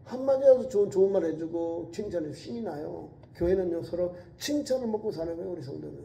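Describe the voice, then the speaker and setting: High, dark-voiced preaching man. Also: expressive, fast, creaky, a little hiss or hum. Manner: emphatic preaching with repeated exhortations; swings between raised urgent lines and low quiet asides. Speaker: pastor. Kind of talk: sermon at a midweek prayer service.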